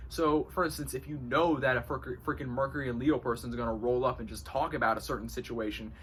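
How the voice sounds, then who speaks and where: A man's voice: mid-range voice, fairly even intonation, fast, a bit bright, a little hiss or hum. A man hosting an astrology video, explaining casually to camera in a rambling, slangy and profane way, recorded in a room at home. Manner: rambling, slangy and profane, full of "you know". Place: his own room at home.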